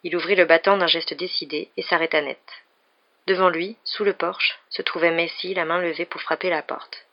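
Brief: evening story reader, woman, steady and even, gravelly texture. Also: fairly low pitch, normal speed, dull audio. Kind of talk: reading a novel aloud.

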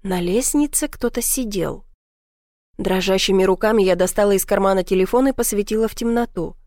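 A woman's voice: mid-range voice, brisk, darkish tone, no echo, clean studio sound. A woman narrating a first-person novel as an audiobook, reading emotively.

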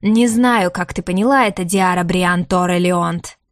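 A woman voicing an ancient, weary male dragon, speaking slowly and heavily with a rumbling tone. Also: little pitch movement, vocal fry, no echo, studio quality, lightly acted. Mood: grim. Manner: slow, heavy, rumbling.

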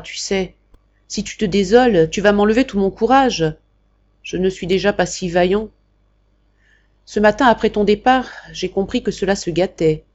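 A woman reading the part of a gentle, brave young man dying of consumption, speaking softly and tenderly. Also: on the low side, muffled recording, lightly acted.

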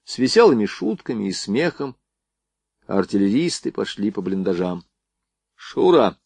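A man narrating a novel as an audiobook in a lively, expressive reading. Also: fairly low pitch, normal speed, creaky, no echo.

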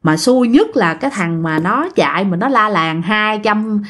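A woman's voice: lowish voice, expressive, normal speed, fairly bright tone. A woman telling a ghost story in a chatty, casual way, often addressing her listeners.

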